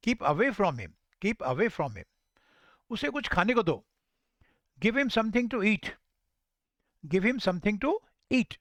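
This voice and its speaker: Male language teacher, high-ish voice, slow deliberate phrase modeling, dry recording. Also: a bit bright, no room sound. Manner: repeats English sentences slowly for learners to copy. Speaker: English teacher. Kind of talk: spoken language lesson.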